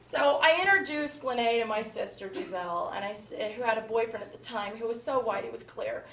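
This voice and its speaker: A woman comedian telling a stand-up story in an animated way, acting out the people in it. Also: on the high side, brisk, gravelly, slight background noise. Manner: animated, voices characters. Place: comedy club. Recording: echoey comedy club, loud crowd, far mic.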